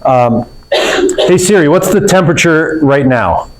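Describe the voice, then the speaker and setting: A man teaches physics in a classroom, explaining casually with fillers and self-corrections. His higher-pitched voice has lively intonation but he speaks a little slowly, and the audio quality is poor.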